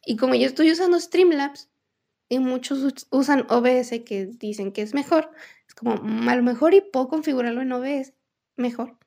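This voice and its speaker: A woman's voice: high voice, moderate pace, vocal fry, warm tone. A young Mexican woman co-hosting a podcast, telling stories animatedly, acting out quotes and laughing often. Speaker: podcast co-host. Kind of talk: casual chat.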